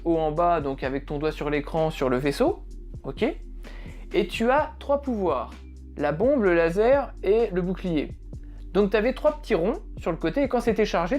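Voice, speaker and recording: A man's voice: sits high, darkish tone. A man giving an unprepared, casual rant as a gaming video creator. He is blunt and slangy, swears often, repeats himself and keeps firing rhetorical questions in exasperation.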